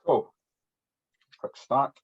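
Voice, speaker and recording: A man with a strong, broad Scottish accent, giving an informal hands-on demonstration as an instructor, chatty and often tagging his sentences with "yeah". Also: extremely slow. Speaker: fly-tying instructor. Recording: dull, muffled lo-fi audio.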